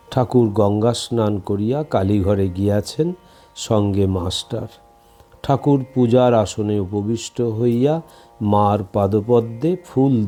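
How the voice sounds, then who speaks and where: A man reading a devotional scripture aloud in a slow, measured recitation. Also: fairly low pitch, warm tone. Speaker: scripture reader.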